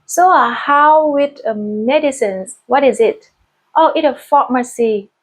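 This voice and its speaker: A woman with a Vietnamese accent, a native Vietnamese speaker, explaining a language lesson in a clear, step-by-step teaching manner. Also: sits high, low-quality recording. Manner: clear, explanatory, modeling example phrases slowly.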